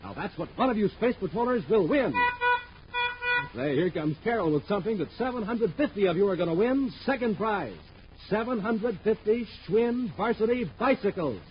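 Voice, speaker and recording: A man with a high voice and lively intonation speaks at normal speed, announcing and narrating like a 1950s radio showman with emphatic drama. The old radio recording is muffled, with faint noise.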